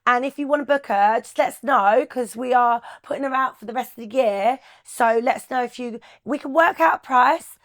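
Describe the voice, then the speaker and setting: A woman's voice: moderate pace, hardly any pauses, lightly acted. A woman voicing a chirpy female booking agent on the phone with a put-on Cockney accent. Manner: bright, bubbly sales pitch.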